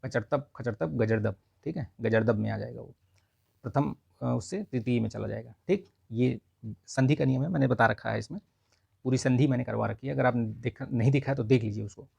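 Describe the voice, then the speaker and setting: Guy going over exam answers, gravelly dark voice, dry sound. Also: mid-range voice, fairly quick, no echo. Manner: explains answer by answer, says 'ठीक है' often. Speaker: Hindi exam tutor. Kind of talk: casual spoken lesson.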